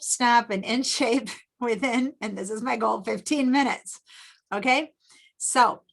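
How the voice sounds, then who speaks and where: A woman's voice: medium pitch, fairly bright tone. A woman from Argentina, a native Spanish speaker, teaching an illustration class online over a video call with a headset, chatty and given to rambling asides. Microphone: Bluetooth headset on video call.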